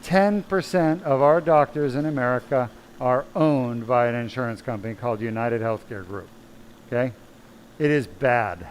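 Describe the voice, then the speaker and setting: A man's voice: mid-range voice, moderate pace, a little hiss or hum, low-quality recording. A man, a spine surgeon, giving a blunt, emphatic live question-and-answer talk full of rhetorical questions.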